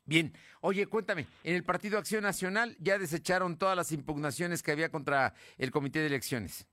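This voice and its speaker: A man's voice: fairly high pitch, fairly quick, bright, forceful tone, no room sound, studio quality. A man anchoring a radio newscast in a conversational way, handing off to his reporters. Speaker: news anchor. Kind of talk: radio news hosting.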